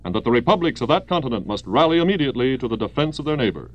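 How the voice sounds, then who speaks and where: A man's voice: medium pitch, lively intonation, very fast, muffled recording. An American man reading formal, declamatory wartime news bulletins as a 1940s radio newscaster, in an old newsreel manner.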